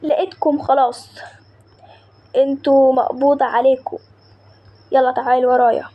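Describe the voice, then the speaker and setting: A woman's voice: sits high, flat delivery, moderate pace, muffled recording. A woman voicing a strict guard who locks prisoners up, in an Egyptian accent. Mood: stern. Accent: Egyptian Arabic.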